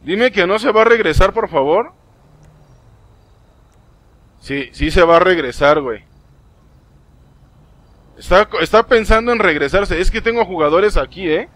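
A young man with a Mexican Spanish accent, giving live gameplay commentary, excitable and swearing often as he talks to game characters. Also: high-pitched, unhurried, long pauses, no echo. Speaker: gaming streamer.

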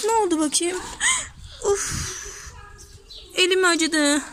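A woman's voice: very high voice, slow, a bit bright. A young woman filming her son and his friends on a neighborhood street, playfully narrating and coaxing them with mock-dramatic cries for help. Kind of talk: casual family vlog narration. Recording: noisy outdoor phone recording.

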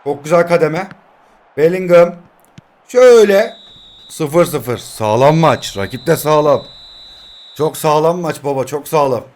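Excitable young male gamer, loud bursts over his own mobile football match, then quiet grumbling. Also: fairly high pitch, measured pace, long pauses. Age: 20s. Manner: excitable, shouts at players, swings between yelling and muttering. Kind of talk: live gameplay commentary.

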